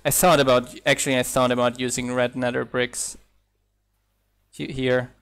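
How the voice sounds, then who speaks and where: His clean, slightly bright voice sits at medium pitch with little movement and a moderate pace. He's a young mod developer and native German speaker with a light accent, chatting casually and thinking aloud as he live-streams a building game.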